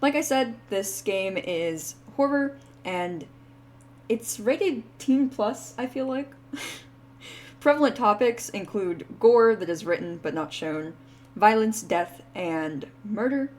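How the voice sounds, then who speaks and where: A woman with a medium-pitched, darkish voice and lively intonation announces voice acting auditions for her indie game. As a VTuber, she keeps it casual and full of "like" fillers, reading the terms out fast.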